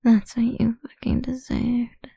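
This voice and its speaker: Taunting crudely under her breath, a woman performs a cruel, domineering woman in a menacing whispered audio roleplay, and the acting is heavy. Her dark, fry-laden voice runs a bit high, slow and flat with barely any rise and fall. It is recorded dry and close, with no echo at all.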